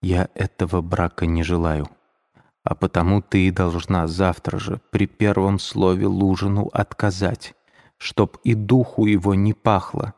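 A man's voice: deep voice, level tone, a little slow, darkish tone, in a large hall. A man reading a feverish young man's lines, curt, weary and irritable.

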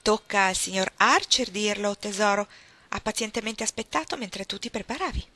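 A woman's voice: medium pitch, expressive, moderate pace, bright, forceful tone, no room sound. A woman reading the part of a theatrical, effusive older aristocratic aunt in an audiobook, with grand dramatic emphasis. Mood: arch.

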